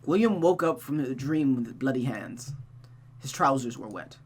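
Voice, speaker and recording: In a husky, mid-range voice at normal speed, a streamer reads a visual novel with dramatic flair and relaxed side remarks. It's expressive, and misread sentences are frequently restarted.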